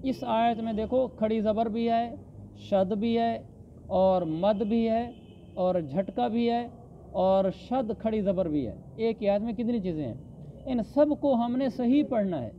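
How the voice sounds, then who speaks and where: A man teaching Quran recitation, slowly drawing out verses and then explaining the rules plainly. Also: high voice. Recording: dull lo-fi sound with faint background noise.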